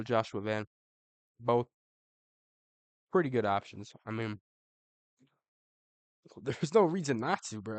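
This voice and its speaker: A man's voice: mid-range voice, dry recording. A man giving casual, slangy commentary, swearing and tossing in "bro" constantly, with laughs between remarks. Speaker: online commentator ranking fighters.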